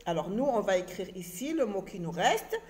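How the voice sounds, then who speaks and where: A woman's voice: medium pitch, very animated, normal speed, darkish tone. A woman teaching an early reading lesson, spelling words out letter by letter and stressing syllables.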